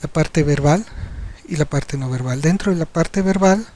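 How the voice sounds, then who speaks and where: A man's voice: on the high side, normal speed, warm tone. Demonstrative male psychiatry lecturer. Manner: demonstrative, acts out tones of voice as examples. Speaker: psychiatrist teaching a hypnosis course.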